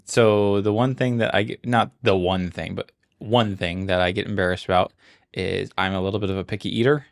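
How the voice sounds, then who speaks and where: A man's voice: deep voice, steady tone, a little fast, gravelly. A man in his thirties co-hosting a family podcast, chatting in a laid-back, self-deprecating, rambling way. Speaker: podcast co-host. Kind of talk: casual chat.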